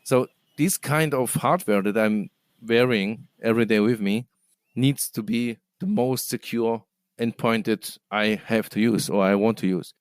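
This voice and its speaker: A middle-aged German man, appearing as a guest business development manager, gives interview answers in a resonant, smooth, lowish voice at an unhurried pace. He hesitates a lot, filling gaps and restarting phrases. The sound is dry and close, with no room sound.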